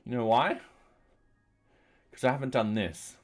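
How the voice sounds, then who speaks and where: A man's voice: mid-range voice, a little slow, faint music behind. A man streaming himself writing code, talking casually through each step with dry, slightly sarcastic asides. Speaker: streamer and software developer. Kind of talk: live coding commentary.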